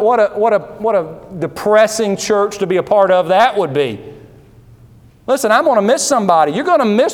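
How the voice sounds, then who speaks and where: A man preaching a sermon, folksy and emphatic, full of rhetorical questions and repeated phrases. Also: sits high. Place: church sanctuary. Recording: long hall reverb.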